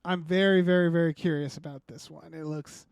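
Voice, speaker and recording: A man's voice: on the high side, steady tone, a little fast, darkish tone, smooth, no room sound, clean studio sound. A man hosting a casual film podcast, talking in a rambling, profane way peppered with "like". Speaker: podcast host.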